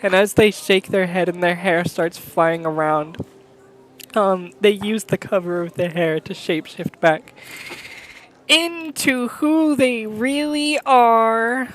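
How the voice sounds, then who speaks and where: A woman's voice: medium pitch, slow pace, slight background noise. A woman narrating as game master of a tabletop game, laughing often between lines.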